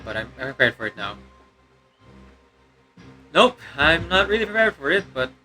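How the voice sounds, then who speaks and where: A man's voice: medium pitch, sharp tone, poor audio. A man putting on a straining demon voice. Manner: rambling, hesitant, many fillers. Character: put-on demon voice of a male game narrator. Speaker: let's play gamer. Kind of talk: casual game commentary.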